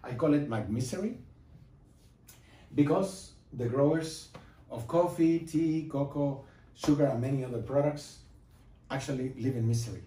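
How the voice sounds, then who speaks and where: A middle-aged man from Guatemala giving an emphatic classroom lecture with slides, pausing and repeating lines for effect. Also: medium pitch, mellow. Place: classroom with projector screen, indoors. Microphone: far camera, no mic seen. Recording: echoey classroom from far off.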